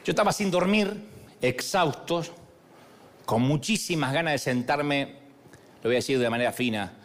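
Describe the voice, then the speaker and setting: A motivational speaker with an Argentine accent delivers a humorous, sermon-like talk, telling stories in a playful, self-mocking way. His voice is on the high side and his pace moderate.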